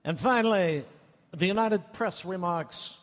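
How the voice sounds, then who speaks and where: With a high voice and a slightly slow delivery, a man plays a grand 1930s radio announcer, proclaiming with dramatic, declamatory emphasis. The echoey town hall stage carries faint live music in the background.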